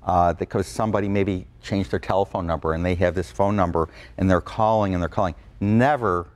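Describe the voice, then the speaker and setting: A man's voice: sits low, brisk. A man speaking as an attorney guest in an interview, explaining things informally in plain words, repeating for emphasis.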